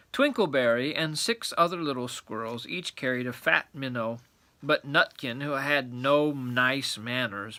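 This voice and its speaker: A man's voice: mid-range voice, pushed and bright. A man narrating a children's storybook aloud in a grandfatherly storytelling manner.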